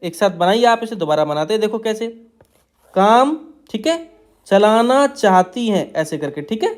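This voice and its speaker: This man speaks at a moderate pace in a high-pitched voice with lively intonation. He's giving a tutorial on steno outlines, drawing on a tablet and patiently going over each stroke again and again.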